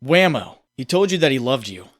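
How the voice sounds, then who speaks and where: Drenched in long, cavernous reverb, a mid-range, slightly bright male voice moves fairly quickly with big pitch swings. He plays the sardonic, intense inner voice of a guilt-ridden young hero in a comic dub, narrating in second person.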